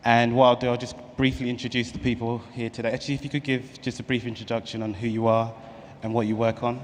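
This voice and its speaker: On stage in a large conference hall, a London man moderates a panel, introducing the session informally. His medium-pitched voice moves little in pitch and comes quickly, carried through an echoey hall PA with noticeable noise.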